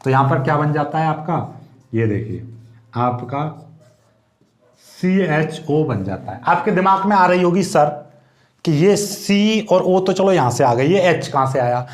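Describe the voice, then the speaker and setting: A man's voice: on the high side, animated, measured pace, reverberant. A man teaching chemistry, explaining each step and asking questions to his students. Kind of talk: board exam lecture.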